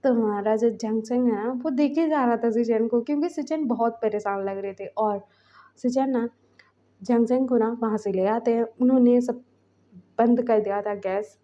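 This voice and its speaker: Brief: woman storyteller, casual chatty narration, high mellow voice, slightly muffled recording. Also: moderate pace. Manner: chatty, rambling retelling. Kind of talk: casual fan fiction narration.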